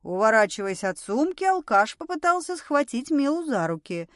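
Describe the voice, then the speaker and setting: Lively woman narrating an audiobook. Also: on the high side, moderate pace, no echo, studio quality.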